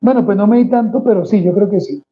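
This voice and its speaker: A male pastor delivers a conversational sermon, calling the congregation brothers and acting out little quoted exchanges. His voice is high and his pace quick, and the audio sounds dull.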